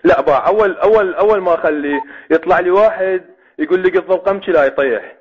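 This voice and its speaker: Man, Iraqi accent, high-pitched, very rapid, stammering prank caller, repeats phrases, over the phone. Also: breathy edge. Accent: Iraqi Arabic. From Iraq. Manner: stammering, repeating phrases, mock-earnest nonsense questioning. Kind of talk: phone call, speaking over the phone. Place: on a phone line. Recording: dull lo-fi phone call.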